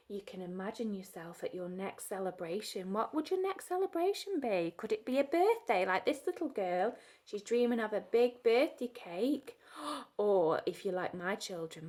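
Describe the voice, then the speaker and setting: Sing-song woman reading to children. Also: medium pitch. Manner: sing-song, coaxing, asks children questions; drops to soft whispers at times. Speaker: storytime reader for children. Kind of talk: gentle storytime lesson for young children.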